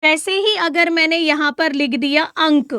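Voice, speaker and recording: A woman teacher giving an exam-prep grammar lesson. She asks questions and answers them herself, spells sounds out slowly for her students, and sets them homework. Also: high-pitched, steady tone, sharp tone, no echo, clean studio sound. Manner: addresses students as "beta", gives homework.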